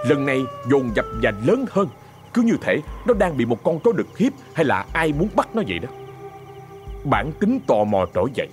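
Male storyteller, Southern Vietnamese accent, ghost story narration, dramatic, suspenseful, lively swooping pitch, faint music underneath.

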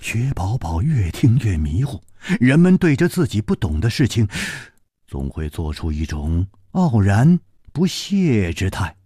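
A man telling a traditional story, dramatic and measured, on a close studio mic. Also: fairly low pitch, sing-song, mellow, breathy edge, dry recording.

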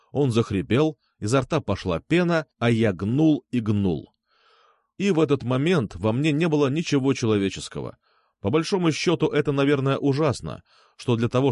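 A man narrating a first-person crime audiobook with a dramatic, expressive reading. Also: mid-range voice, no room sound.

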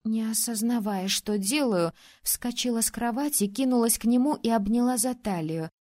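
Expressive woman reading an audiobook. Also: a little high, moderate pace. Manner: expressive, acting out the heroine's outbursts. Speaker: audiobook reader. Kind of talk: first-person audiobook narration.

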